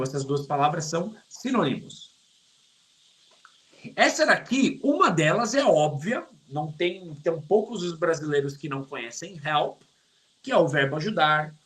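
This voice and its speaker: Joking middle-aged Brazilian teacher. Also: male voice, on the high side, low-quality recording. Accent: Brazilian Portuguese. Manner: lively, joking, drawls English words slowly for pronunciation. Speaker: English teacher. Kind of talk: online English lesson.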